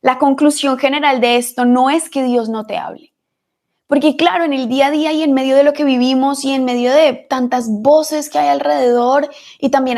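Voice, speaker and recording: Lady vlogging about faith, earnest, keeps repeating herself for emphasis, kinda gravelly fry. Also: a little high. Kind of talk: reflective spiritual talk to camera.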